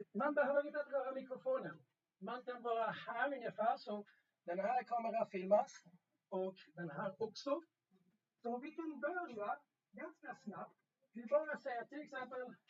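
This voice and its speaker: A man teacher coordinating students in a rehearsal, giving brisk, hurried instructions with frequent restarts. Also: extremely high pitch. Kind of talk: instructing students, mixing Swedish and English. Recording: lo-fi, distant from the mic.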